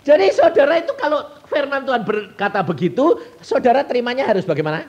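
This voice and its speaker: A man's voice: very high-pitched, lively intonation, quick pace, muffled recording. A male evangelist with a Javanese Indonesian accent, preaching a folksy sermon and answering his own questions. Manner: folksy, asks the congregation questions and answers them himself.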